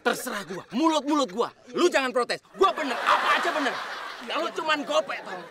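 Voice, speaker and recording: A man playing a blustering small-time street thug in a slapstick comedy, bossy and shouty. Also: very high-pitched, lively intonation, moderate pace, heavy background noise. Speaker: comic actor. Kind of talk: slapstick sitcom acting.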